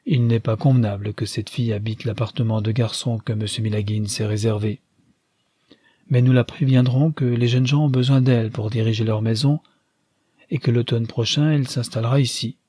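A man reading aloud, voicing a composed, commanding old grandmother who gives counsel in a measured way. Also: mid-range voice, steady tone, mellow, breathy edge, no room sound, studio quality, close to an everyday voice. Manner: measured, authoritative.

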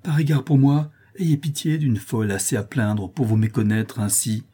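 A man's voice: mid-range voice, steady tone, normal speed, dark tone, husky, lightly acted. A man reading the part of a stern older father, severe and scolding in a story.

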